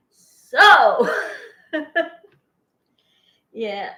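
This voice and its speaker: An older woman, born in Boston to an Armenian family, hosts a casual cooking vlog from her home kitchen, rambling as she chats and laughing often. Her high voice sounds pushed and bright, with reverb around it.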